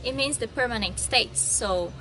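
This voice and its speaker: A woman's voice: a little high, unhurried, sharp tone. A woman, explaining verbs with examples as a language teacher. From Brazil. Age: 20s. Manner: friendly, explanatory, gives examples.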